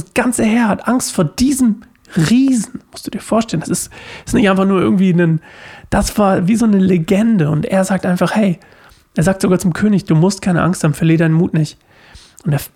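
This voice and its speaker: A man's voice: high-pitched, a little mellow, breathy edge. A man, a podcast host and worship leader, gives an earnest devotional talk on faith in a living room. He repeats key phrases for emphasis and often restarts his sentences.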